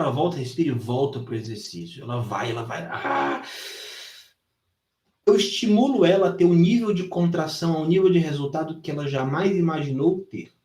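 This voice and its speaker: A man's voice: fairly high pitch, darkish tone, echoey room. A man giving an intense, emphatic live-stream lesson, swearing freely as a former gym trainer turned sales mentor. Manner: intense and emphatic, swears freely, acts out his own past coaching. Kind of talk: live-streamed teaching talk. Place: home during a live stream.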